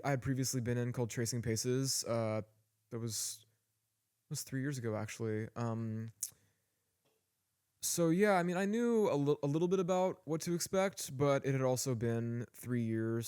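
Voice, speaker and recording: A man's voice: medium pitch, a little mellow, smooth. A man in his early twenties, a drummer guest in a casual interview, earnest and often restarting his phrases. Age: early 20s.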